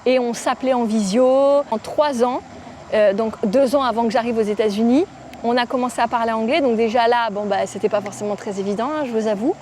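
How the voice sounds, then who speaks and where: Young French woman vlogger, fairly high voice, casual and chatty, phone recording in a park with faint city noise. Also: fairly even intonation, fairly quick, a little mellow. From France. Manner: chatty, informal, frequent fillers. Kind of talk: casual talk to camera. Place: outdoors in a park. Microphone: phone camera.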